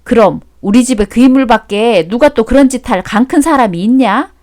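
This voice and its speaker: Woman voicing a sarcastic middle-aged mother-in-law, scolding, slightly high voice, radio story. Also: lively intonation, fairly quick, a little mellow, close to an everyday voice. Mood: scornful.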